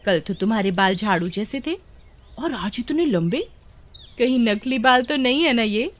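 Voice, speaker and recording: A woman's voice: on the high side, expressive, moderate pace, close to an everyday voice. A woman voicing a nosy, jealous village girl in a cartoon, prying and bossy.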